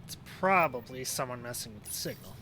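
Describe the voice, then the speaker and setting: A man's voice: medium pitch, lively intonation, a little fast, bright, forceful tone, a little hiss or hum. A man giving casual gameplay commentary as a streamer, offhand and reacting aloud. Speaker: game streamer.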